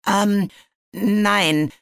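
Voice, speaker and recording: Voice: mid-range voice, steady tone, very slow, vocal fry, fairly bright tone, clean tone, no room sound, clean studio sound, voice pushed up, full character voice. A storybook narrator voicing a nervous male dragon who stammers and hesitates. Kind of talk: audiobook character voice.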